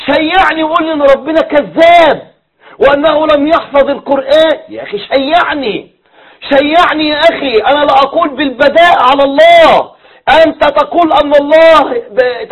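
Insistent high-voiced Egyptian man. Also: brisk, dull audio. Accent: Egyptian Arabic. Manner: insistent, repetitive, challenging. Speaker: studio guest, religious scholar. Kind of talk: heated religious debate.

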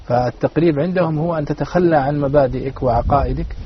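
Fast-talking man in formal standard Arabic. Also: on the high side. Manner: formal standard Arabic, preacherly, addresses listeners as brothers. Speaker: religious panel speaker. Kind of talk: religious panel discussion in formal standard Arabic. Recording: dull, noisy radio-like sound.

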